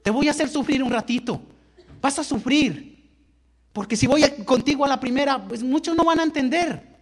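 A preacher voicing Jesus, earnest and commanding. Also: male voice, very high-pitched, moderate pace, voice pushed up. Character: Jesus, calm commanding adult man.

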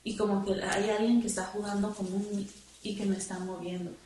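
A woman telling her testimony in church, halting and repeating words as she remembers. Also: medium pitch, flat delivery, a little mellow. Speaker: church member giving testimony. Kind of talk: spoken testimony. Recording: echoey room, far from the mic, noisy.

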